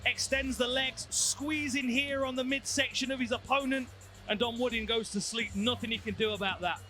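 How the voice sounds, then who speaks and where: A man's voice: very high voice, fairly even intonation, normal speed, sharp tone, faint music behind. A man giving technical colour commentary on a mixed martial arts fight, explaining moves and tactics.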